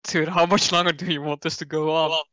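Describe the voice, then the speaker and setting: A man's voice: a little high, flat delivery, fairly quick, pushed and bright, no echo, rough recording. A man with a Dutch accent, a guest in casual online chat, hesitant with many fillers and restarts. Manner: hesitant, lots of fillers and restarts, laughs easily.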